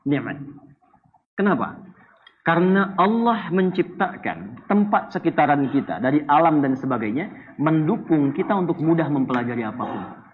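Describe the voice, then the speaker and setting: A man from Indonesia preaching a sermon, animated and playful, swinging between loud and soft. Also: a little high, normal speed, a little hiss or hum. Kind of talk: Islamic sermon. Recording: dull lo-fi sound.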